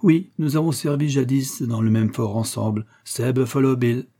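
A man's voice: medium pitch, fairly even intonation, moderate pace, dark tone, lightly acted. A man voicing a grateful, commanding army major in a storybook reading, speaking formally and courteously.

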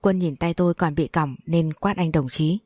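A woman reads a first-person story for an audiobook, calm and even at a moderate pace. Her voice is mellow and sits low, and the audio is close and dry, lacking any room sound.

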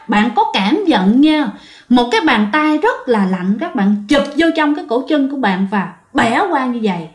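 A woman's voice: a little high, reverberant. A woman telling a ghost story in a chatty way, often speaking straight to her listeners. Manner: chatty, addresses listeners directly, vivid retelling. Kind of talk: casual ghost story narration.

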